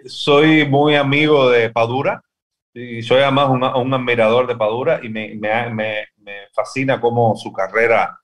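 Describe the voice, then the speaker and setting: A man's voice: mid-range voice, fairly even intonation, a little slow. A man from Cuba with a Cuban Spanish accent, answering interview questions as a guest artist, hesitant with many fillers and restarts.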